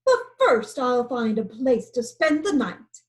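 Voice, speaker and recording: A woman voicing a grumpy, blustering male lion in a storybook reading, loud and growly. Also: on the high side, very animated, slow pace. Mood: smug.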